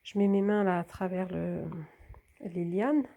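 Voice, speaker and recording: Muffled audio captures a woman with a medium-pitched, mellow voice, a measured pace and some vocal fry. Slightly congested from a cold, the plant vlogger gives relaxed hands-on narration while filming a hanging plant, dipping into whispers now and then.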